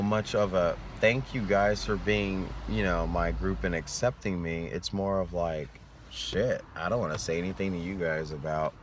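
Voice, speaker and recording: Male vlogger, low voice, tired and yawning, earnest and rambling; noisy outdoor street recording. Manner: rambling, earnest, sometimes trailing off. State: sleepy, yawning. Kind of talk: reflective vlog monologue.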